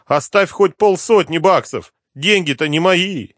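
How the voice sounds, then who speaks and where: A man reading an audiobook, voicing a frightened, whining male drug addict with a high, pleading voice. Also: very animated, normal speed, fairly bright tone, dry recording, studio quality. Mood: whining scared.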